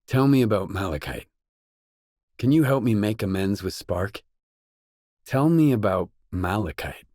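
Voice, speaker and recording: Casting: pragmatic wasteland mercenary in a video game; lowish voice, dry close recording, restrained and matter-of-fact. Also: male voice, a little mellow, no room sound. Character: Skif, pragmatic male mercenary stalker in a dangerous wasteland. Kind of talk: video game character dialogue.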